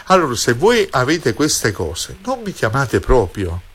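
A man's voice: mid-range voice, wildly swooping pitch, a little slow, fairly bright tone, breathy edge. A man with a Neapolitan accent talking bluntly and insistently as a fortune-telling host on a live call-in show, slipping into dialect and repeating himself. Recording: music behind the voice.

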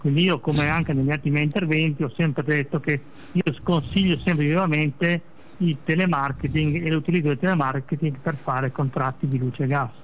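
A man's voice: a little high, steady tone, moderate pace, slight background noise. A man, a lawyer, calling in on speakerphone as a talk show guest, explaining carefully and often restarting his sentences. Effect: on speakerphone over a phone line. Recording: dull phone-line sound.

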